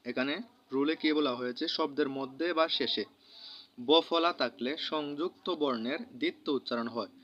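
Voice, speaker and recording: Man, Bangladeshi Bengali accent, grammar lesson, bright tense voice, repeats examples, muffled recording. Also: mid-range voice. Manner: slow, repeats each example word. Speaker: teacher. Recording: dull lo-fi recording.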